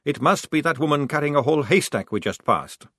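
A man's voice: on the high side, big pitch swings, fairly quick, a bit bright, dry recording, voice pushed up. Brief: sarcastic vampire recruit, cool and mocking, male reader. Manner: sarcastic, dry.

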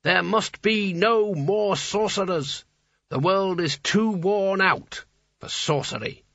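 A man's voice: high voice, slow, creaky, bright, forceful tone, no room sound, lo-fi sound, voice pushed up, exaggerated voice. A man voicing a pompous, ancient talking wizard's hat that speaks in an imperious, grandiose and sarcastic way. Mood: solemn, grand.

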